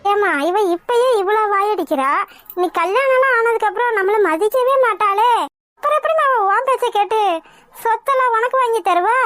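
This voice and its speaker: A woman's voice: extremely high pitch, brisk, a bit bright, no echo, soft background music. A woman voicing a bratty, scheming young sister-in-law in a cartoon, snippy and complaining. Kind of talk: Tamil cartoon voice acting.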